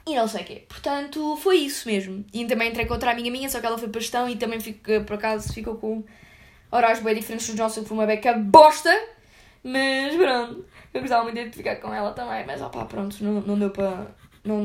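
This vlogger, a young adult woman, speaks quickly with a fairly high pitch. In her European Portuguese accent she chats casually with viewers, telling a story in slangy talk stuffed with fillers.

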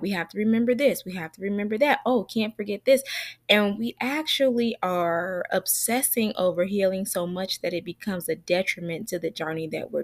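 A woman's voice: mid-range voice, dry recording. Earnest, encouraging woman podcast host, dry sound. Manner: earnest, encouraging, addresses listeners directly. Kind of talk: solo podcast talk to listeners.

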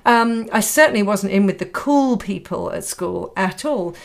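A woman podcast host speaks in a reflective solo monologue at a middling pitch. She thinks aloud as she goes, often posing questions directly to the listener. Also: expressive, a little slow, gravelly.

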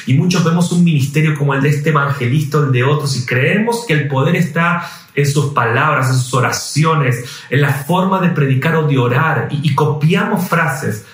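A man preaches a fervent sermon. His voice sits in a middle pitch. It swings between rapid bursts and slow, weighty emphasis, all ringing in a very echoey room. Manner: impassioned, exhorting, shifts between fast bursts and slow drawn-out emphasis.

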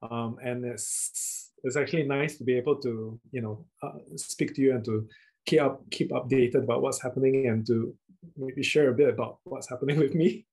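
Hesitant Singaporean man, halting interview answers. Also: mid-range voice, steady tone, a little mellow, low-quality recording. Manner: hesitant, halting, often rephrasing mid-sentence. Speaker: guest, writer and researcher.

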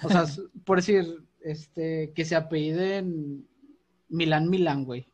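A man's voice: on the high side, fairly even intonation, measured pace, darkish tone. A man with a northern Mexican Monterrey accent chatting casually, with slangy, profane banter. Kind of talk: casual chat.

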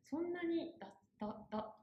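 A woman's voice: very high-pitched, lively intonation, moderate pace, roomy sound, dull audio. A young woman from Osaka with a Kansai accent, a university student chatting casually as a guest and laughing often. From Osaka, Japan. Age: young adult. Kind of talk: casual podcast chat.

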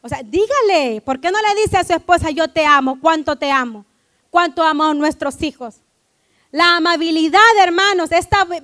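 High-voiced woman preaching. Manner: animated, keeps asking "right?", acts out family quotes. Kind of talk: church sermon. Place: church.

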